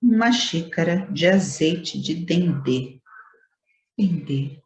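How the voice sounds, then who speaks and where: Woman teacher, low voice, unhurried, playful, stresses syllables for kids. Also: lively intonation, a little mellow. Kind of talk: scripted lesson to schoolchildren.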